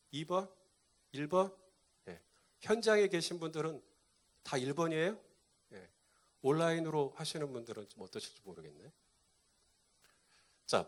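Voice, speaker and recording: A pastor preaching a sermon to a live congregation, quizzing them and repeating key points. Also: male voice, a little high.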